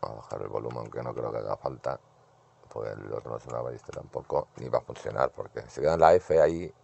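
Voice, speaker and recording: Male streamer, very low gravelly voice, mutters to himself through retro arcade play. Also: fast talker, darkish tone, muffled recording. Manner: muttering, talks to himself while playing. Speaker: gaming streamer. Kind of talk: casual gameplay commentary.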